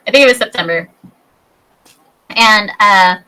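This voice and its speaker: A woman's voice: measured pace, pushed and bright, low-quality recording. A woman in her thirties chatting casually as a podcast guest, bubbly and talkative. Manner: bubbly, chatty, acts out high-pitched voices in her stories.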